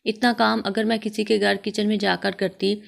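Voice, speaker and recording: Brief: woman reading as a tired, sorrowful mother, soft and pleading, storybook read-aloud. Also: mid-range voice, little pitch movement, gravelly. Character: weary, grieving older mother, gentle.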